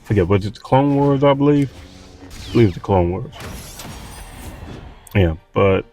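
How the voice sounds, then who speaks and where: A man's voice: lowish voice, lively intonation, normal speed, warm tone, soft background music. Tired Southern man rambling over gameplay. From Texas, US. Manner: tired, meandering, many fillers and restarts. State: tired from little sleep. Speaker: gaming streamer. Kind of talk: rambling casual chat while gaming.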